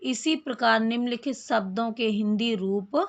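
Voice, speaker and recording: A woman teaching a grammar lesson, explaining slowly, repeating phrases and asking questions of her class. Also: fairly high pitch, muffled recording.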